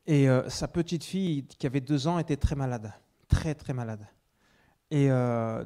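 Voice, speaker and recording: A man preaching, telling a personal testimony with many restarts, swinging between loud emphasis and hushed asides. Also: mid-range voice.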